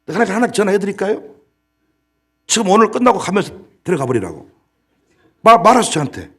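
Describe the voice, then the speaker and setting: A man preaching a sermon as pastor, scolding and exhorting his congregation, shifting between loud bursts and low asides. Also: sing-song, fairly quick, husky.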